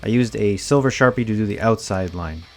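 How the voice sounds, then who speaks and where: A man in his thirties, a cosplay prop maker, talks through his build steps in a relaxed, plain way in a casual tutorial voice-over. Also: on the low side, brisk, soft background music. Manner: relaxed, plain step-by-step explaining. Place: home workshop, indoors.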